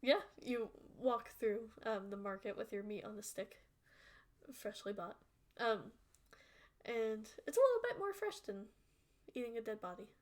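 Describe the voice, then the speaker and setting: A woman's voice: a little high, animated, a little slow. A woman narrates a tabletop game as game master. She is chatty and giggles often, filling her descriptions with ums and likes.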